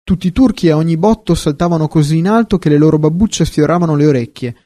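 A man narrating a fairy tale in a measured, expressive way, recorded close to the mic. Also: on the high side, no echo. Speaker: audiobook narrator.

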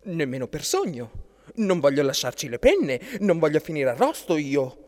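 A fussy, timid bird-catcher covered in feathers, played by a man, who grumbles and frets in a lively, bouncing voice. He sounds like a comic storybook character. The sound is close and dry. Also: fairly high pitch, normal speed, no echo. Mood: grumbling.

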